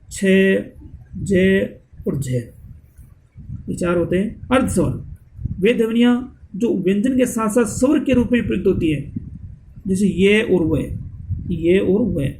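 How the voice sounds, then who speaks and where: A Hindi grammar teacher gives a classroom-style lesson on a low-quality recording, his voice high-pitched and warm. He reads out definitions, then lists letters one by one, sometimes correcting himself.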